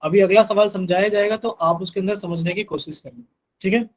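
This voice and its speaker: High-voiced man teaching math online. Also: fairly even intonation, brisk, poor audio. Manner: patient, repeats instructions to students. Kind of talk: live online class.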